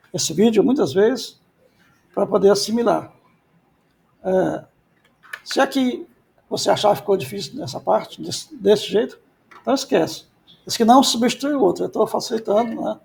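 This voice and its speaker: A man's voice: high-pitched, gravelly, a little mellow. A man, a pastor teaching biblical Hebrew in a lecture, repeating key points and answering his own questions. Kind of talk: classroom lecture.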